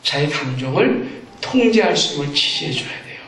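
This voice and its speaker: Man, pastor, lively high voice, preaching, echoey church hall, mic far off. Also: a little fast, slight background noise. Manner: animated preaching, acts out parents and children. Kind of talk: sermon. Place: church sanctuary.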